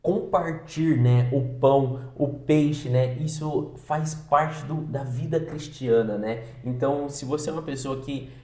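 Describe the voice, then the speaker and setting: A man's voice: mid-range voice, unhurried, few pauses, darkish tone. A man co-hosting a podcast, discussing Bible passages in a casual, conversational way with frequent tag questions. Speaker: podcast co-host. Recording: roomy echoey sound.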